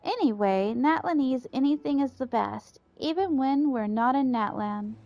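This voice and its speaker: A woman's voice: sits high, expressive, moderate pace, muffled recording, soft background music. A woman voicing a friendly fur merchant, upbeat and salesy, proud of where she comes from, in a video game.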